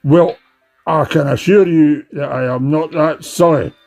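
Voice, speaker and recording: A man's voice: a little high, a little slow, a little mellow, faint music behind. A man voicing an earnest male teammate in a fan-made cartoon, explaining plainly and taking charge.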